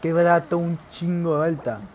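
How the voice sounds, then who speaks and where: A man casually commentating his own gameplay, excitable and profane, often blurting sound effects. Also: on the high side, moderate pace, slight background noise. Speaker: gamer.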